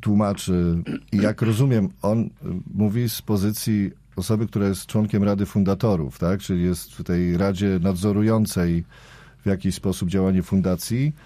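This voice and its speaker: A man's voice: sits low, steady tone, moderate pace, warm tone, dry recording. A man moderating a political panel discussion, introducing guests and posing questions, often hesitating with fillers. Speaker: talk show moderator.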